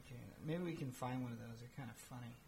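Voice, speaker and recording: A man's voice: medium pitch, fast, a little mellow. Guy rambling on a podcast, lots of "you know" and "dude", bit of hiss behind. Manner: rambling, filler-heavy, says "dude" and "you know" a lot. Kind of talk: casual chat.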